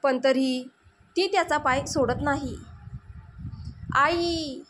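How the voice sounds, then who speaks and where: A woman storyteller reads a scripted tale in a steady, dramatic way. Her voice sits high. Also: moderate pace, a little hiss or hum.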